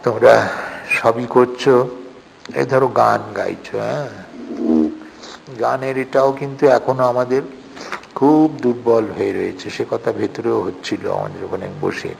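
Gravelly older man giving an earnest talk. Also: mid-range voice, fairly even intonation. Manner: slow, earnest exhortation, reciting passages then explaining them. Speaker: speaker addressing a youth organization. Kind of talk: spiritual talk with recited passages. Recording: hall reverb, faint background noise.

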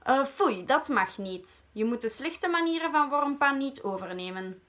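A woman's voice: medium pitch, lively intonation, slow, a bit bright. A Flemish woman voicing a stubborn, protective young witch in a storybook she reads aloud. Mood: scolding. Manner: firm, scolding.

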